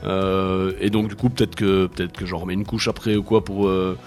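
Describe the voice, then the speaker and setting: A French-speaking band songwriter chats casually in an interview, his low, slightly mellow voice keeping a level tone at a moderate pace. He's hesitant, full of fillers and restarts, and laughs easily, with soft music playing in the background.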